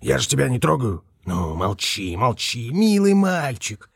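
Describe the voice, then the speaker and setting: A gruff, irritable lodger, played by a man, who grumbles, hisses and puts on a strained polite tone. Storybook reading with a lively pitch, recorded close and dry. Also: unhurried, no room sound, exaggerated voice. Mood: hissing, forced polite. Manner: gruff, hissing, forced politeness.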